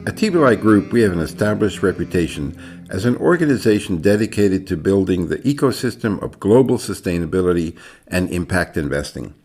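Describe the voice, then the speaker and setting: Deep-voiced man hosting a webinar. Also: animated, a little fast, darkish tone, soft background music. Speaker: podcast host. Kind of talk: webinar introduction, partly scripted. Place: studio.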